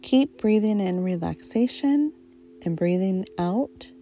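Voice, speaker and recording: A woman guiding a relaxation meditation in a soft, soothing, hypnotist-like voice, leaving long pauses between short phrases. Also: mid-range voice, animated, a little hiss or hum. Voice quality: soft, mellow. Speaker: guided meditation narrator.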